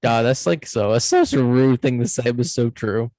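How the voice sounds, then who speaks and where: A man's voice: mid-range voice, moderate pace, no room sound, poor audio. A man hosting a casual chat about movies, rambling and correcting himself as he goes. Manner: rambling, self-correcting, animated. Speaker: channel host.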